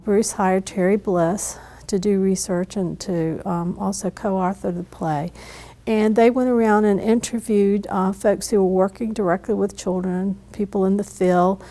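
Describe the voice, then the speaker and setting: A woman's voice: medium pitch, fairly even intonation, measured pace, mellow. A woman in an interview, explaining things in a thoughtful way. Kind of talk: documentary interview.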